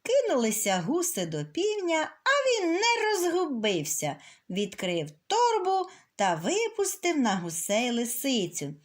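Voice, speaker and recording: A woman storyteller reading a children's fairy tale aloud in an expressive, melodic way. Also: high-pitched, measured pace.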